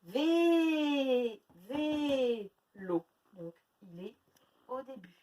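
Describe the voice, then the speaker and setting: A woman teaching a phonics lesson to young children, sounding out words slowly syllable by syllable. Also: a little high, very animated, a little mellow, far from the mic, poor audio. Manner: slow, exaggerated syllable-by-syllable pronunciation. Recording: faint noise, voice a little off-mic.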